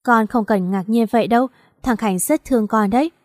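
A woman narrator voicing a caring, wealthy older mother who talks warmly and reassuringly to her daughter. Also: a little high, brisk, dry recording, clean studio sound, natural voice. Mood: fond.

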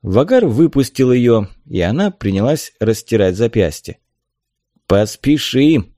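A man narrating an audiobook in a measured, expressive storytelling manner. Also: medium pitch, no room sound, studio quality.

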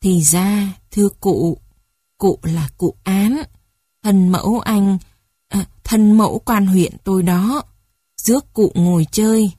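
A woman's voice: mid-range voice, slow, dark tone, breathy edge, dry recording, studio quality. A woman voicing a polite young male schoolteacher who speaks formally and deferentially to an elder. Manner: deferential, courteous.

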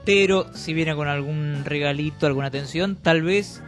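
A man co-hosting a radio show, dropping ironic jokes and quick quips. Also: on the high side, a bit bright, soft background music. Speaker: radio co-host. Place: radio studio.

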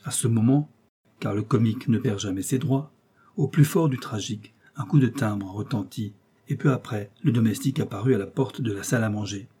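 A man narrating an adventure novel aloud in a measured, dramatic storytelling manner. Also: lowish voice, warm tone, slightly rough. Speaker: audiobook narrator. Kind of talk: scripted narration.

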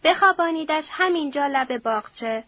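A woman's voice: high voice, lively intonation, no room sound, muffled recording. A woman voicing a servile mustached barber. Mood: ordering. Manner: deferential to the master, bossy to the servants. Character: burly mustached male barber-circumciser, servile to his master.

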